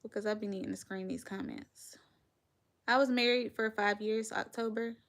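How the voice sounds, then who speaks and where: A woman in her thirties with a Southern North Carolina accent chats on a livestream podcast. Her voice has a gravelly edge, and she talks straight to her viewers as y'all. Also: mid-range voice, fairly even intonation, moderate pace, a bit bright. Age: 30s. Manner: chatty, addresses viewers as y'all, laughs often. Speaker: podcast host. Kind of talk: casual livestream chat.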